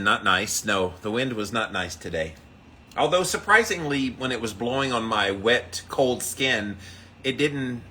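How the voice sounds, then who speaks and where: A man's voice: mid-range voice, bright, forceful tone. A man hosting a casual livestream, upbeat, repeating himself as he greets viewers by name and reads out their comments. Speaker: livestream host of a daily ice bath challenge.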